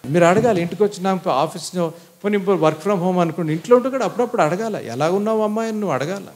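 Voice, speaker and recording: Guy preaching a sermon, high voice, lively, talks right at the crowd, throws in english bits. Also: quick pace. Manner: animated preaching, mixing in English phrases; directly addresses the congregation. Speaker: pastor.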